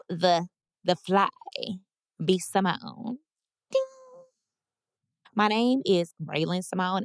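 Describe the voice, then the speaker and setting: A woman's voice: medium pitch, no room sound. A woman chats through her podcast alone. She is playful and hyped, tosses in slangy asides, and sounds dry and close to the mic, with no room around her. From Dallas, Texas. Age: 30s. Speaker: podcast host. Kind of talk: casual solo podcast chat.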